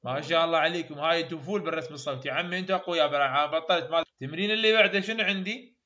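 Iraqi-accented male phonetics teacher, high bright voice, slow drill repeats, muffled class recording. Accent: Iraqi Arabic. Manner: repeats sounds slowly, praises students often.

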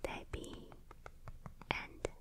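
Slow whispering young woman, ASMR. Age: young adult. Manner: slow, soft, unhurried whispering with pauses. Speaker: ASMR host. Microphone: close studio microphone with foam windscreen.

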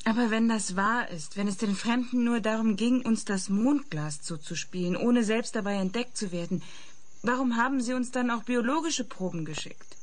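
Woman playing a measured, sceptical journalist. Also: on the high side, close to an everyday voice. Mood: sceptical, probing. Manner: measured, questioning, articulate. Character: sceptical, probing female journalist interviewing a professor. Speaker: interviewer. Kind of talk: German radio drama acting.

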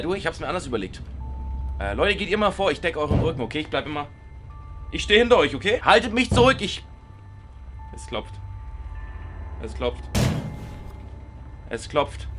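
A young man reacting to horror videos, animated and jokey, with mock fear and shouts at the screen. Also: mid-range voice, noisy background. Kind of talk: reaction commentary. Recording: music in the background.

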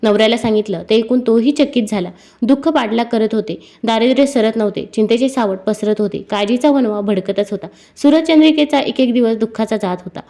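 A woman reading a devotional story aloud, with a rhythmic, measured recitation. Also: on the high side, warm tone.

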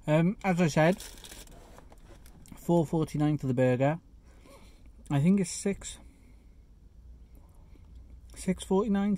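A man reviewing a fast food burger in a chatty, casual vlog, sometimes talking with his mouth full, sitting in a parked car. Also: on the high side, warm tone. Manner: chatty, eats while talking, self-deprecating asides. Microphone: phone camera.

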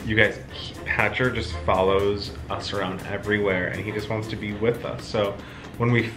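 A man's voice: on the low side, level tone, moderate pace, music in the background. A man in his thirties co-hosting a video, chatting casually with his partner. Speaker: video co-host. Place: small room indoors. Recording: echoey room.

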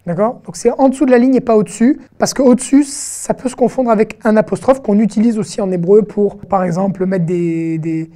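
A woman teaching an online Hebrew lesson, patiently repeating syllables slowly and clearly in a chatty way. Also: medium pitch, warm tone.

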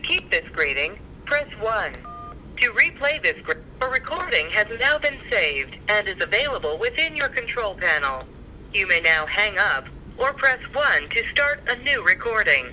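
A man's voice giving recorded answering machine instructions through a phone system, measured and formal. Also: sits high, very animated, bright, forceful tone, slight background noise, rough recording.

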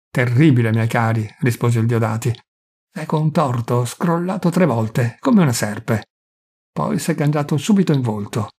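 Husky-voiced Italian man reading a story. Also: mid-range voice, a little mellow. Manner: measured, acts out characters' lines with small shifts. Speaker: reader of literary fiction. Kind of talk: audiobook narration of a classic short story.

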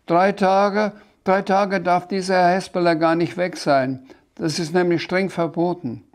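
A man voicing a cheeky, impatient, childlike creature in a storybook reading, loud and insistent. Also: on the high side, measured pace. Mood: demanding.

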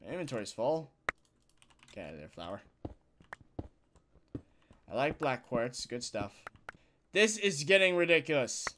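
A man giving casual let's-play commentary as a gaming channel host, thinking out loud with sudden loud exclamations between quiet mutters, a bit tired. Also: medium pitch, big pitch swings, a little slow, pauses often, noisy background. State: yawning, tired.

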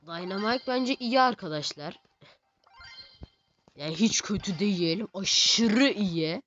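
A male gaming host giving casual, excitable commentary while he plays, teasing the game characters and chanting words over and over. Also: high-pitched, takes it slowly, a little hiss or hum. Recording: slightly dull lo-fi recording.

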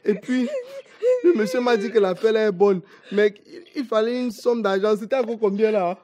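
A man's voice: sits high, fairly even intonation, normal speed, a crowd in the background, lightly acted. A young man playing a son who stammers and pleads with his mother in a comedy web series. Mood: pleading. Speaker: eldest son accused of a scam.

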